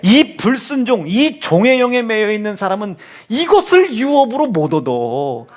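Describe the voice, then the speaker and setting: A man's voice: sits high, very animated, normal speed. A middle-aged man preaching a sermon in a church sanctuary, telling stories animatedly and mimicking family members. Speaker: pastor.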